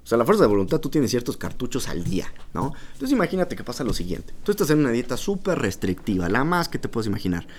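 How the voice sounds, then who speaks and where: A man with a Mexican Spanish accent, a nutritionist guest chatting casually on a podcast, animated and jokey, acting out his patients' voices. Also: medium pitch, fast, few pauses, slight background noise.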